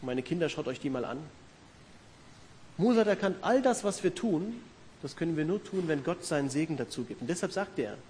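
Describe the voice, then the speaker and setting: A man's voice: on the high side, darkish tone. A middle-aged man preaching a sermon in an earnest, conversational way, asking his listeners questions. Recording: reverberant hall with faint hiss.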